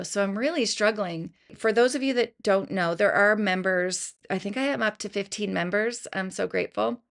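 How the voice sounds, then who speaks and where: Woman in her 50s, gravelly voice, chatty and rambling, computer mic in a basement studio. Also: mid-range voice. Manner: chatty, oversharing, apologetic, greets viewers by name. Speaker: beauty vlogger. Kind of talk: casual livestream chat. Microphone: computer mic, no good equipment.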